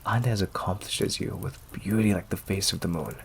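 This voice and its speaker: In an ASMR roleplay, a man plays a deep, gravelly, possessive vampire, speaking slowly and silkily, often in a breathy near-whisper full of condescending endearments. He sounds coaxing and menacing, with steady rain and slight noise behind him.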